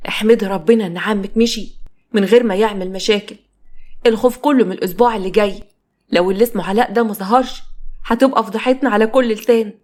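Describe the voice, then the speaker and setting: A woman's voice: medium pitch, fairly even intonation, fast, a little mellow, close to an everyday voice. A woman with an Egyptian accent voicing a middle-aged mother who pleads with relatives and scolds her daughter. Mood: harsh, scolding.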